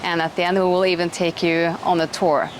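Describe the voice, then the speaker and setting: This Norwegian host is a middle-aged woman with a low, fairly flat voice who talks briskly. Out in an eco village, she leads a casual interview with chatty enthusiasm and many restarts, captured on a noisy outdoor recording.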